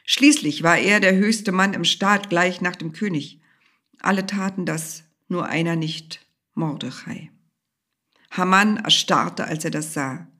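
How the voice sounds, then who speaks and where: A woman's voice: on the low side, a little slow, pushed and bright. A woman narrating a storybook tale expressively, sometimes dropping to a whisper.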